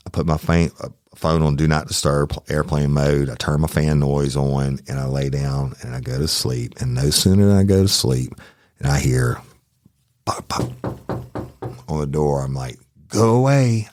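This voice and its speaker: A man's voice: rumbling low, fairly even intonation, moderate pace, a little mellow, dry recording. A man hosting a true crime podcast, telling a story in a casual, profane and heated way.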